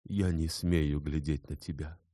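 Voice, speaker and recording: A man's voice: very deep voice, fairly even intonation, measured pace, dark tone, dry recording, studio quality. A man playing an ardent, weakened young man. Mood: passionate. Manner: passionate, exclaiming.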